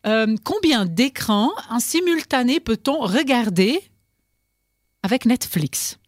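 A woman hosts a radio quiz in a playful, teasing way. Her voice sits fairly high. The studio sound is dry and close. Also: expressive, slow pace, dry recording. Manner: playful, teasing, laughs often. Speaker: radio host. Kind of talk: lively radio quiz hosting. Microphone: studio microphone.

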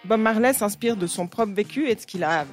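A woman, telling the story behind a song in a lively way in her radio music segment. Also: mid-range voice, fairly quick. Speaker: radio columnist. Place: radio studio.

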